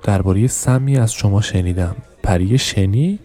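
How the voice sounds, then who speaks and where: A man's voice: fairly low pitch, warm tone, lightly acted. A man reading as a nervous official. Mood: anxious. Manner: anxious, hesitant. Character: nervous male government official. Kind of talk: audiobook reading.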